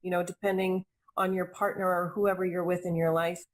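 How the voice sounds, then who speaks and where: Flat in delivery and brisk, this young adult woman has a fairly low voice. Appearing as an interview guest, the intuitive reader and healer speaks earnestly and reflectively in conversation, repeating phrases for emphasis.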